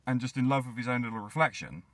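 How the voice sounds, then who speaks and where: A man casually retelling an old myth as a comic story, full of deadpan asides. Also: medium pitch, fast, dry recording. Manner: jokey, deadpan asides, rambling.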